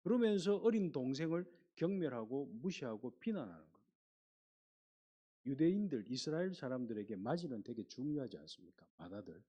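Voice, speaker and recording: Reading scripture aloud and quizzing his congregation, a male pastor delivers an animated sermon. He speaks a little fast in a mid-range voice that sounds slightly rough.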